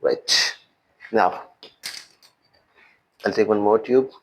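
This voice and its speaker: Male chemistry teacher, lowish voice, very slow and deliberate, explaining lab steps to students. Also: a little hiss or hum, rough recording. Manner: explains in a mix of Hindi and English, addressing students. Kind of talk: lab demonstration lesson.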